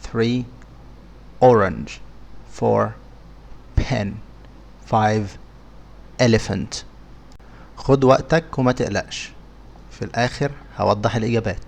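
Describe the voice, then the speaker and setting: Slow, careful Egyptian-accented teacher. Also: male voice, lowish voice, creaky. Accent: Egyptian Arabic. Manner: slow, careful pronunciation of English examples. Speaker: English teacher. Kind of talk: scripted lesson narration.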